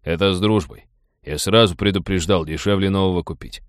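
Man doing gruff pirate surgeon, blunt, low, audiobook. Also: steady tone, brisk, no echo, studio quality, natural voice. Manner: blunt, conspiratorial. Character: fierce bearded male pirate surgeon, blunt and greedy.

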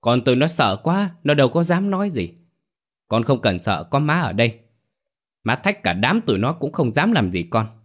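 A man voicing a furious middle-aged mother who hurls rapid, scornful insults in a ghost story audiobook. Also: fairly low pitch, expressive, fairly bright tone.

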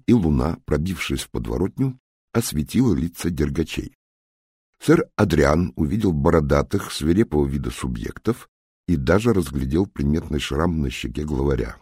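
A man narrating an audiobook in a dramatic, expressive way. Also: very deep voice, breathy edge, no room sound, clean studio sound.

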